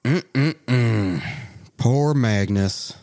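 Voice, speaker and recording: A man's voice: mid-range voice, extremely slow, darkish tone. A man voicing a folksy male shopkeeper with a put-on Southern accent, in a tabletop game.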